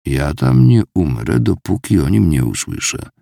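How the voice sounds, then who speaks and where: A calm, stubborn old father, as a narrator reads him in a low voice with a gravelly edge. He speaks with quiet, unshaken certainty. The sound is close and dry. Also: a little slow, no echo, exaggerated voice. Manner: quiet, steady conviction.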